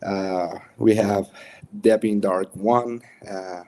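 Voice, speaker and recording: A young man with a Mexican accent and native Spanish, coaching in a casual, halting livestream chat. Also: on the low side, fairly even intonation, darkish tone. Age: young adult. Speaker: coach hosting a livestream workshop.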